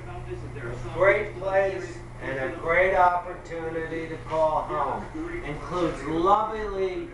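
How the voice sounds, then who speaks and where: A middle-aged man who owns a diner, giving an upbeat sales pitch for the place in a small indoor diner. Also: slow. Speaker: diner owner. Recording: roomy, distant from the camera mic, noisy.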